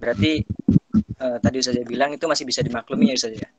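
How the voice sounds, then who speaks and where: A man's voice: mid-range voice, fairly even intonation, racing, rough recording. A male student politely asking his teacher a question, with some hesitation.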